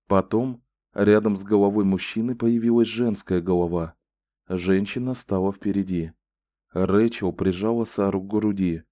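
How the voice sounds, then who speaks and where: A male audiobook narrator with a low, dark, mellow voice, telling the story in a calm and measured way. He sits close to the mic, and the recording is dry, with no room sound. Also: no echo.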